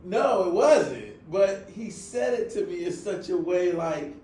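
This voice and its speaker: A man hosting a book club in a casual chat, with a voice that rises and falls as he tells a lively story. He sounds a little away from the mic, in a roomy space with faint noise behind him. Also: sits high, takes it slowly, distant mic. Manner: animated storytelling, voice rising and falling with excitement. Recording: echoey room with faint background noise.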